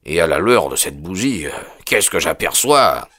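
A man voicing a blunt, uneasy police constable who talks in rough colloquial phrases full of hesitant fillers, in an audiobook. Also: low voice, big pitch swings, moderate pace, pushed and bright, no room sound, clean studio sound, full character voice. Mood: defensive. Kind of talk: audiobook character voice.

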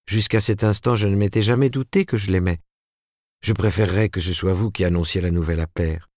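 A man's voice: low voice, a little fast, darkish tone, dry recording, studio quality, pitched above the performer's own voice. A man reading the part of an earnest, lovestruck young woman in an audiobook, tremulous and pleading.

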